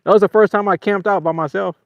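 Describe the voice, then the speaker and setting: An excitable man with a high voice chats and jokes his way through a fishing live stream, laughing often. The sound is dry and close but a little dull and lo-fi. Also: fast, vocal fry, no room sound. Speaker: fishing livestream host. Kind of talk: casual live-stream chat. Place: outdoors on a boat at sea.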